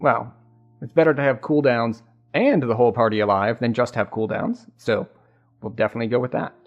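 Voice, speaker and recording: A man's voice: mid-range voice, a little fast, narrow, tinny audio. A man giving casual live commentary as he streams a video game, talking through his play. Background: faint game music.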